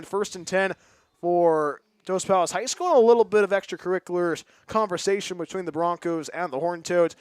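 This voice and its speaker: A man with a Californian accent calling a high school football game as play-by-play announcer, chatty and excitable. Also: clean tone, no room sound, studio quality. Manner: fast, chatty, excitable call. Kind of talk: play-by-play commentary.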